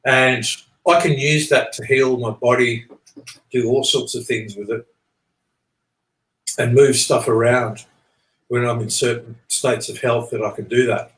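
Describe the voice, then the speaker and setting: A man with a mid-pitched voice talks as an interview guest in a roomy, echoing space. He explains things earnestly and loosely, circling back over his points and checking that the listener follows. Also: fairly even intonation, a little slow, long pauses, fairly bright tone. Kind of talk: rambling explanatory conversation. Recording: echoey, roomy sound.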